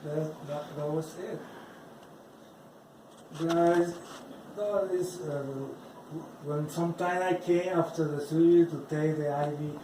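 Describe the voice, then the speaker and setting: A man who is not a native English speaker tells his religious testimony slowly, stopping often to repeat and rephrase as he searches for words. His voice sits a little high and sounds set back from the mic in a roomy space. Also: noisy background. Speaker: churchgoer giving a personal testimony. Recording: roomy, from some distance off the mic.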